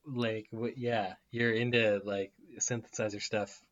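A man's voice: on the low side, flat delivery, unhurried, dull audio. A man co-hosting a podcast in casual chat, rambling with frequent restarts and laughing often. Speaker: podcast co-host.

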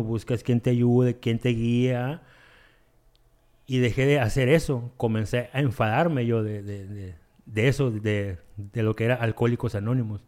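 A man telling his recovery testimony, halting and repeating himself, acting out dialogue as he goes. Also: mid-range voice, a little mellow. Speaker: guest sharing a recovery testimony. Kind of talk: emotional personal storytelling.

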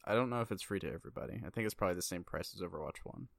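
A man's voice: deep voice, lively intonation, very fast, creaky, dry recording. A young man co-hosting a casual podcast chat, teasing his friend with dry sarcasm. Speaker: podcast co-host.

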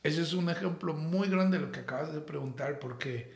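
Gravelly-voiced man telling a story. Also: fairly high pitch, normal speed. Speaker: guest, singer and worship leader. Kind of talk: conversational testimony. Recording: roomy echo.

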